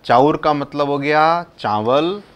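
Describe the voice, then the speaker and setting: A man slowly explaining the words of a devotional hymn, reciting verses and then patiently repeating what each word means. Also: fairly high pitch. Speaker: religious teacher explaining a hymn.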